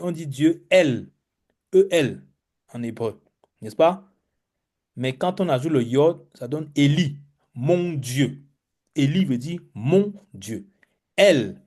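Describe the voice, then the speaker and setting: Male pastor, mellow warm tone, higher-pitched voice, lively teaching, stammers on words. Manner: animated teacher, acts out examples, stammers on words. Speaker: pastor teaching Biblical Hebrew. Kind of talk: classroom lesson.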